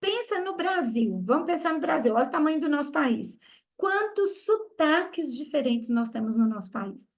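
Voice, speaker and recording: A woman's voice: high voice, animated, moderate pace. A woman from Brazil with a Minas Gerais accent, teaching an English masterclass with rhetorical questions and repeated key phrases. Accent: Minas Gerais Brazilian Portuguese. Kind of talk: online masterclass lesson.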